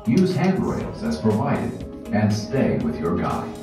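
A man working as a cave tour guide gives slow, deliberate safety instructions to a group inside an underground cavern. His voice carries a cave echo. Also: lowish voice, wildly swooping pitch. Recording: echoey cave from far off, music over it.

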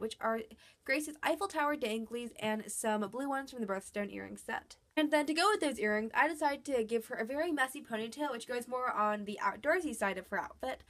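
A doll collector vlogger with a cold narrates a scripted voice-over as she displays her dolls' outfits. The young woman sounds chatty and upbeat, her voice a little high and fairly bright in tone.

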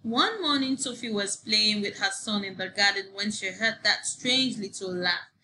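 A woman reading a children's story aloud, slow and expressive, as a storyteller. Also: mid-range voice, slight background noise. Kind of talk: bilingual storybook read-aloud.

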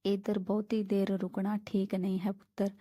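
Lady reading as a kind old holy man, gentle, coaxing, even flat tone. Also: mid-range voice, moderate pace, no echo, studio quality, natural voice. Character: gentle older male wandering ascetic, kindly guru.

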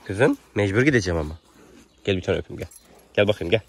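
A man's voice: low voice, animated, fast talker, slightly rough. A man talking affectionately to his horses outdoors and addressing viewers, coaxing and calling to them with repeated words. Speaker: rural vlogger caring for his horses. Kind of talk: casual vlog talk to animals and viewers. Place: outdoors in the countryside near animals.

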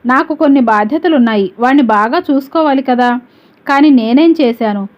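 A woman's voice: sits high, normal speed, lightly acted. A woman reading the part of a grief-stricken father in a spoken story, her voice trembling and pleading, on a dull lo-fi recording. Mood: anguished.

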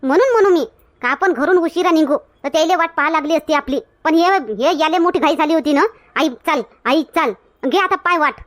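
A woman's voice: sits high, brisk, natural voice. A woman playing a touchy, proud village mother. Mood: complaining. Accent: Varhadi Marathi. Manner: complaining, defensive. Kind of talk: village comedy skit.

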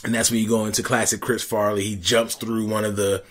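Guy recapping an old comedy movie w his buddy, jokey, gets all fired up and fast. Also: lowish voice. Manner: animated, joking, bursts into fast excited rants. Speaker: co-host of a movie recap show. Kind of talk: casual movie recap chat.

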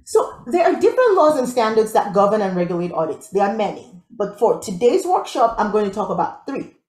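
A woman from Nigeria teaching a live online workshop on IT audits, talking fast and upbeat and often checking in with her audience. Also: mid-range voice, sing-song, a little mellow, roomy sound. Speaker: IT audit instructor.

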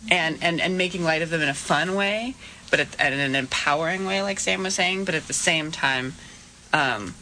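Student guest, young man, crisp bright tone, thoughtful and articulate. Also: a little high, normal speed, a little hiss or hum, rough recording. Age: young adult. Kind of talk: casual radio interview. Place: campus radio studio.

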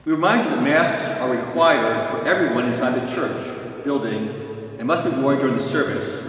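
An older man, a parish pastor, calmly walking listeners through a church ceremony in plain terms, often restarting his phrases. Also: mid-range voice, moderate pace. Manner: calm, plain explaining with frequent restarts. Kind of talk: instructional walkthrough. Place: large empty church. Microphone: far camera. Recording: echoey church from far off.

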